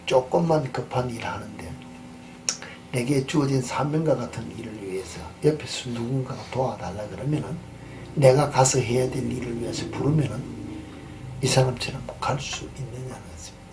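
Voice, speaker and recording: A male pastor preaching a sermon and telling a story, swinging between loud emphatic bursts and quiet asides. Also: medium pitch, normal speed. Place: church sanctuary. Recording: distant mic with faint background noise.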